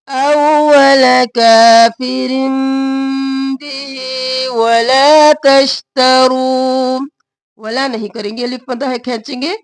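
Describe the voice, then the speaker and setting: Woman, tajweed lesson teacher, slow drawn-out recitation, quick explanatory asides, high-pitched. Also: no room sound, studio quality.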